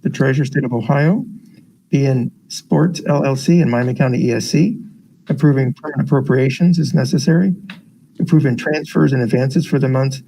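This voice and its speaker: A man's voice: mid-range voice, brisk, vocal fry, mellow, husky. American man chairing meeting through face mask. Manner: talking through a face mask, slightly muffled. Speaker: school board president chairing a meeting. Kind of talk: formal meeting procedure, reading agenda items aloud. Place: board meeting room. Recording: noisy meeting room recording.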